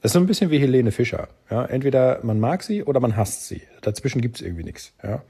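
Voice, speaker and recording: A man's voice: medium pitch, lively intonation, fast, dark tone, breathy edge. A man hosting a solo podcast, speaking earnestly and directly to the listener as he thinks aloud. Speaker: podcast host.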